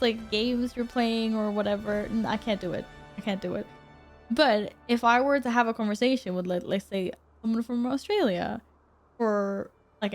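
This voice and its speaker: In a mid-range voice, a young Swedish woman talks casually with her stream audience from her apartment at home. She reads out their messages and laughs frequently.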